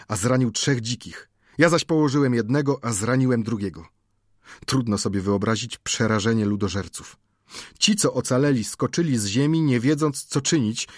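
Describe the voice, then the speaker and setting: A man reading an adventure novel aloud as an audiobook narrator, in a measured, dramatic storytelling manner. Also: medium pitch, no room sound, clean studio sound.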